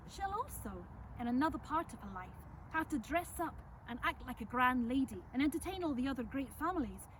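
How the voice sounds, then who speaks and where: A woman's voice: high-pitched, far from the mic, slight background noise, poor audio. A woman playing a chatty, folksy servant of centuries past, telling visitors a tale in an Ulster Scots accent. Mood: gossipy, earnest. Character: chatty, welcoming servant woman of a 17th-century Irish estate. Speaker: costumed storyteller. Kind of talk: in-character historical storytelling to visitors. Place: outdoors in front of a house.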